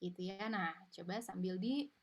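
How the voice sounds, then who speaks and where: A woman's voice: mid-range voice, fairly quick, a little mellow. A woman giving an informal online parenting lecture, chatty and explanatory, with frequent tag fillers, over a video call mic. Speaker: parenting webinar speaker.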